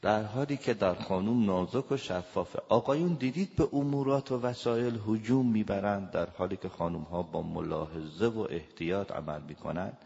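A man lecturing as a family counselor, talking in a lively way and acting out little dialogues with raised voices. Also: fairly low pitch, gravelly, hardly any pauses. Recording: dull lo-fi recording with long reverb.

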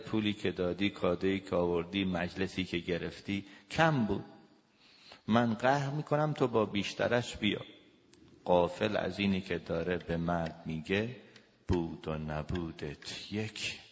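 A man with a low, gravelly voice lectures as a family counselor. He pushes some lines out loud and drops others to low, quiet asides. The recording is dull and lo-fi, with a long hall reverb. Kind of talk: lecture to an audience.

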